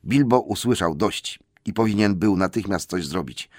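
Expressive male storybook narrator. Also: low-pitched, normal speed, no room sound, clean studio sound. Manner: lively, expressive reading. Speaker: audiobook narrator.

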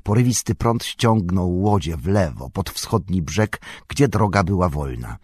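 A man narrating a fantasy novel in a calm, measured storytelling manner. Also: low-pitched, breathy edge, no echo. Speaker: audiobook narrator.

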